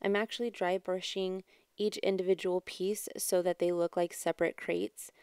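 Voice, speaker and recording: A woman's voice: on the low side, level tone, moderate pace, clear, resonant tone, no room sound, clean studio sound. A woman hosting a craft channel, chatting through a DIY tutorial in a voice-over recorded at home. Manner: chatty, explaining step by step; quiet, subdued delivery. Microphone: home voice-over mic.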